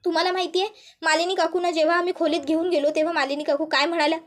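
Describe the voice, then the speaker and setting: A woman voicing a hot-tempered young wife who scolds in a loud, snappy way. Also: very high-pitched, level tone, racing. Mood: upset.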